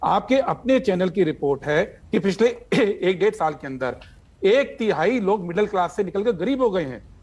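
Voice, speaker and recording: Insistent man debate guest, high voice. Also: big pitch swings, moderate pace, a little mellow, muffled recording. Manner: insistent, argumentative, citing figures. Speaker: party spokesperson debate guest. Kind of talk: heated TV debate.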